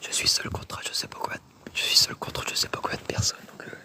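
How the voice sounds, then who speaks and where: A man vlogging while exploring an old factory site, whispering tensely and swearing often. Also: brisk. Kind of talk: whispered casual vlog narration.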